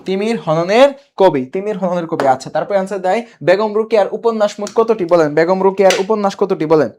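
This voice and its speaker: A man's voice: high-pitched, brisk, mellow, slight background noise. A young man teaching a live online coaching class, quizzing viewers, repeating key answers and reading their comments aloud. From Bangladesh.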